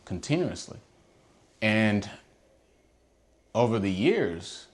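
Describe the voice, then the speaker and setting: A Haitian man acting as host speaks straight to his audience in a voice on the lower side, delivering a heartfelt, earnest personal monologue to camera. He is emphatic, driving his points home with pointed rhetorical questions.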